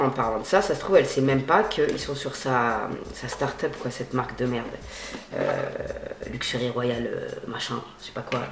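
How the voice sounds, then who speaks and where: A woman vlogging a clothing haul in a chatty, slangy way, swearing freely and swinging between loud and quiet. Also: very deep voice, roomy sound, a little hiss or hum. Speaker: beauty and fashion vlogger. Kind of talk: casual haul vlog.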